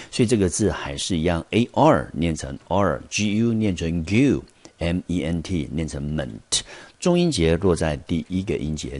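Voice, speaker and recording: A man teaching an English vocabulary lesson, explaining patiently and pausing on small fillers. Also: low voice, darkish tone, dry recording. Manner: patient explaining, drawn-out pauses on "呢" and "好".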